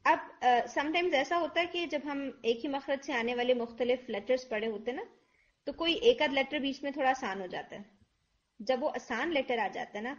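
A woman's voice: high voice, lo-fi sound. A woman teaching tajweed in Urdu, explaining patiently and mixing in English words. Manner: demonstrates letter sounds aloud. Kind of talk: online lesson.

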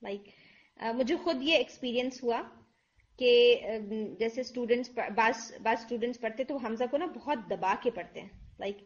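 A woman teaches tajweed in an online lesson, her slightly high voice recorded with the highs cut off. She explains patiently in Urdu, slipping in English words, and says the letter sounds aloud to show them.

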